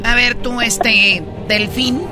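A woman's voice: a little high, fairly even intonation, takes it slowly. Mexican female co-host, sassy and blunt, music behind. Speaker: game show co-host. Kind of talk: comedy game show banter.

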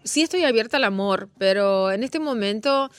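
A woman with an Argentine Spanish accent talks earnestly and at length as a talk-show guest. Her voice sits a little high. The sound is dry and close. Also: animated, normal speed, dry recording, faint music behind. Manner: talkative, earnest. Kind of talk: casual talk show chat.

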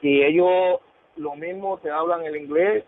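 A man's voice: fairly high pitch, a little slow, a little hiss or hum. A man who drives trucks calling in to a radio show, talking in an easygoing, rambling way. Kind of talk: casual call-in chat. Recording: distant tinny phone line.

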